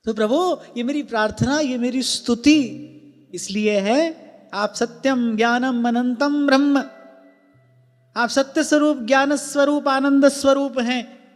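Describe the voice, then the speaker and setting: A man giving a devotional sermon in an ashram hall. He explains slowly, stresses single words and quotes verses. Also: very high voice. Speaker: spiritual discourse speaker. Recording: long hall reverb with faint music.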